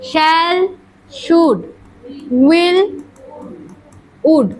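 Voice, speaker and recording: A woman teacher, lecturing a classroom on grammar. She keeps quizzing her students with rhetorical questions and scolds them briskly. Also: very high voice, slight background noise, poor audio.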